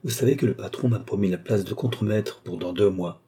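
A kind, strong young cabinetmaker from a storybook, earnest and gentle, in a low, mellow voice that the male reader gives him. His tone is slightly husky and sits close to the narrator's own. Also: brisk. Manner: gentle, earnest and warm-hearted.

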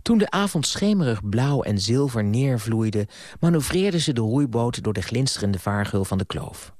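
Telling the story expressively, a male audiobook narrator speaks at normal speed in a medium pitch. The audio is studio quality, free of echo.

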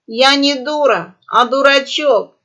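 A woman's voice: medium pitch, takes it slowly. A woman voicing a female parrot pirate who talks in a mock-sweet, maniacal, sneering way. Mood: sly. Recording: dull lo-fi audio.

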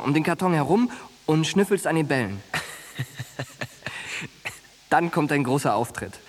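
In a naturalistic German radio drama, a male actor with a mid-range, everyday-sounding voice plays a streetwise young soldier and loyal friend. The character is exasperated, and the delivery is blunt, coarse and insistent.

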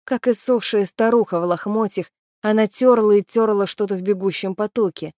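A woman narrating an audiobook in an even, measured storytelling voice. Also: mid-range voice, no echo, clean studio sound. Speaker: audiobook reader.

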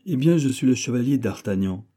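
A man's voice: medium pitch, animated, fairly quick, dark tone, pitched above the performer's own voice, close to an everyday voice. A man voicing a bold, boastful musketeer in an audiobook, brash and impatient, swearing as he demands things.

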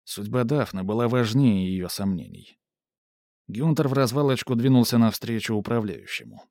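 A man narrating a novel in even, measured audiobook style. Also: on the low side, no echo, studio quality.

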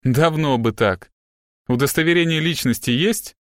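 A male audiobook reader playing a gruff private detective who talks in a blunt, growling, threatening way. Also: fairly high pitch, moderate pace, dry recording, studio quality, voice pushed up, natural voice. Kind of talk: audiobook character reading.

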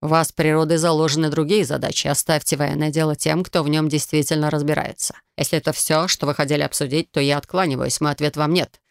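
A woman reading an audiobook and voicing a stern, dismissive male warlord with measured, clipped refusals in a dry, close sound. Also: low voice, level tone, creaky, clear, resonant tone, dry recording. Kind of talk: audiobook narration.

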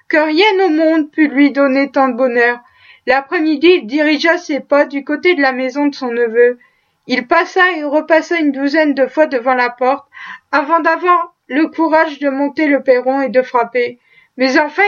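Female audiobook narrator, high pitch, measured storytelling delivery, somewhat dull lo-fi recording. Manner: measured storytelling, lightly voicing characters. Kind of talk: audiobook reading of a classic tale.

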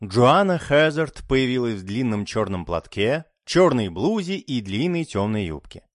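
A man narrating an audiobook in an expressive, dramatic reading style. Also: medium pitch, measured pace, no room sound, clean studio sound.

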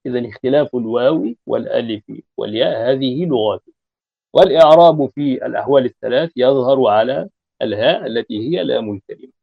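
Man, grammar teacher, explanatory lecture, fry in the voice, muffled lo-fi sound. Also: mid-range voice. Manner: deliberate, explanatory, frequent drawn-out fillers. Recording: dull lo-fi recording.

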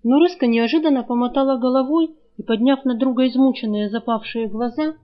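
A woman narrates an audiobook in an even storytelling manner. Her voice sits a little high, and the recording sounds dull and lo-fi. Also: brisk. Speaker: audiobook reader. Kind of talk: scripted narration.

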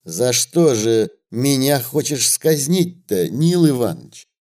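A man voicing a fawning, terrified old male merchant who pleads in a sugary voice and breaks into shrill wailing. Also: expressive, unhurried, warm tone. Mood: pleading.

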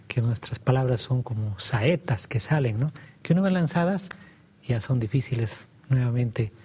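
A man's voice: mid-range voice, moderate pace, warm tone, breathy edge. A man hosting a casual discussion, affirming the others and putting questions to them. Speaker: host.

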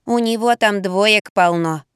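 A woman voicing a chatty, blunt little boy of six in an audiobook, speaking in a high, drawn-out childish way. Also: smooth, no room sound, studio quality, close to an everyday voice. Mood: chattering.

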